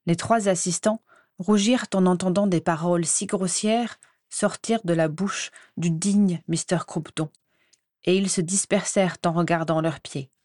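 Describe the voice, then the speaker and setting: A woman narrating an audiobook in a measured, expressive reading voice. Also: fairly low pitch, no echo, studio quality. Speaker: reader.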